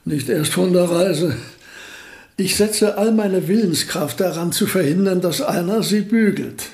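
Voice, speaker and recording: In a radio play, an elderly physicist visitor comes across as modest and understated, with a dry, ironic wit. His voice is somewhat high for a man, and he delivers his remarks calmly, deadpan and wry, at a measured pace.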